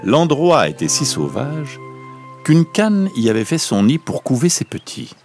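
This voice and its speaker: A man narrating a children's story, slow and melodic. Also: medium pitch, very animated, darkish tone, faint music behind.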